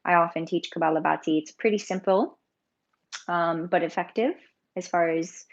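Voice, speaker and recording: A woman's voice: on the low side, moderate pace, dull audio. A woman yoga teacher leading a live online breathing workshop, talking in a chatty, informal way and laughing often.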